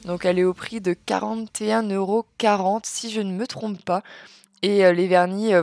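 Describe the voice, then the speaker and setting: A woman reviewing nail polish in a chatty, enthusiastic haul video. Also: medium pitch. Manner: chatty, enthusiastic, repeats "très, très". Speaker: nail art vlogger.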